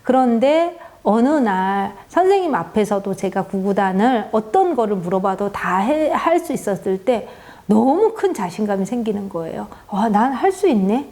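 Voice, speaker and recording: A woman's voice: medium pitch, lively intonation, normal speed. A middle-aged woman giving an earnest parenting talk, telling stories and often affirming with short "yes" sounds. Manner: earnest, warm storytelling with many "네" affirmations. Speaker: parenting lecturer. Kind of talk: parenting talk with acted examples.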